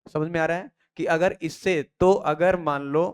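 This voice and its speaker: A man's voice: fairly high pitch, fairly even intonation, measured pace, smooth. A man from India teaching pronunciation in a classroom lecture. He asks his students questions, answers them himself and drills the key phrases again and again. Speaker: English teacher.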